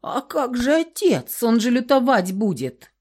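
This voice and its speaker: Woman doing old granny, folksy, fussing, slow drawl, kindly, audiobook. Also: on the high side, big pitch swings, a little mellow, voice pushed up. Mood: alarmed. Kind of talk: audiobook character voice.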